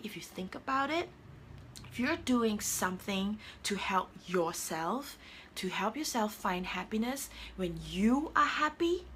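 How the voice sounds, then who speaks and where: A woman hosting a casual motivational live talk, earnest and emotional, with her voice jumping higher when she quotes herself. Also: a bit bright, slight background noise. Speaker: host of a live video chat.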